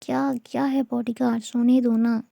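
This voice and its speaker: A woman's voice: fairly high pitch, level tone, normal speed, creaky, warm tone, dry recording, clean studio sound. Woman doing a whiny childish young woman. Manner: whiny and stammering.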